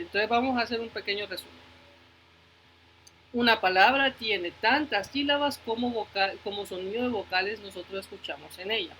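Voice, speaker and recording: A man's voice: sits high, sharp tone, a little hiss or hum, low-quality recording. A male teacher giving a phonics lesson to children, patiently repeating words and checking in with the class, moving between Spanish and English.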